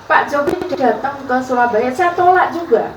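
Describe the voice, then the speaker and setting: East Javanese woman candidate, high-ish voice, laughs often through stories; distant mic, roomy echo, noisy background. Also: expressive, moderate pace. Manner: chatty storytelling with frequent laughs. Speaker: political candidate. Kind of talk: informal campaign speech. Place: community event space. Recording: echoey, distant, noisy room.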